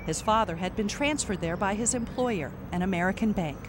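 Female documentary narrator, mid-range pitch, matter-of-fact scripted read over slight background noise. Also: a little fast.

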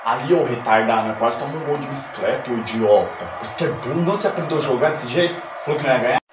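Taunting man over loud music. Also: medium pitch, very fast, echoey room, rough recording. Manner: loud taunting, shouting insults. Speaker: comedy sketch creator narrating a video game match. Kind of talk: mock sports commentary over gameplay.

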